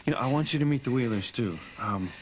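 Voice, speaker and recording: A man's voice: medium pitch, lively intonation, fast talker, lightly acted. An actor playing an attentive, affectionate son in his thirties in a soap opera, casual, hesitant and reassuring. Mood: warm, reassuring. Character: attentive, affectionate grown son and protective brother. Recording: clear background noise, clicks.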